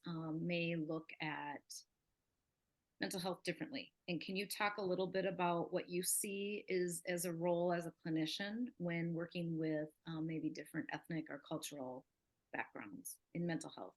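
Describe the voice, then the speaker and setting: A woman moderating a panel discussion, gently asking questions with many fillers. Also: fairly low pitch, fairly even intonation, moderate pace.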